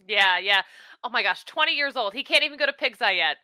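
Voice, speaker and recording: A woman's voice: fairly high pitch, animated, fairly quick, sharp tone, no room sound. A woman interviewing a baseball guest in an upbeat, chatty way, with some fillers. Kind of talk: sports interview.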